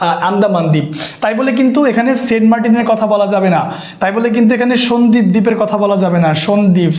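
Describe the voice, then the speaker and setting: Sweaty and worn out, a man runs a live online exam-prep class in a fairly high, slightly mellow voice with noticeable reverb. He repeats himself a lot and questions his students constantly.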